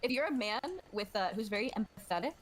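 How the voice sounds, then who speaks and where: Quick-talking woman debating casually. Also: mid-range voice. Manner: quick, restarts sentences, teasing. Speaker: stream guest.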